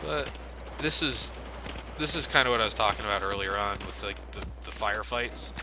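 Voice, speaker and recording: Playing a video game for a Let's Play, a man gives casual, joking, sarcastic commentary and swears freely. His voice is on the low side at a normal speed, and the recording is very noisy with game gunfire and ambience behind him.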